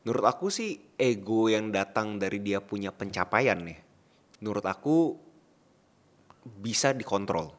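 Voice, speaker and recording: Relaxed low-voiced man chatting on a podcast. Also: unhurried, long pauses. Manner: relaxed, slangy, asks probing questions. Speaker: podcast co-host. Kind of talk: casual podcast chat.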